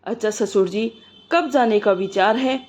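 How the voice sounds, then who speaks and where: Woman doing a loud deaf son-in-law. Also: mid-range voice, unhurried, natural voice. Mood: loud reassuring. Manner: shouting everything loudly.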